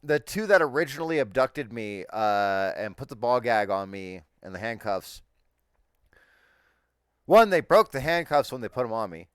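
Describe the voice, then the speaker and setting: Smooth-voiced man telling stories. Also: medium pitch, very animated, normal speed, fairly bright tone, no room sound, clean studio sound. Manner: laughing, profane storytelling. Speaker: tabletop game player. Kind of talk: casual chat before a game session. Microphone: online voice call.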